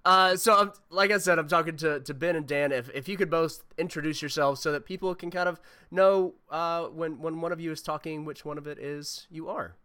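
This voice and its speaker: A man's voice: a little high, steady tone, fairly quick, few pauses, sharp tone, clean tone. A man hosting a casual interview, talking in a rambling, informal way. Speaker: podcast host interviewing guests.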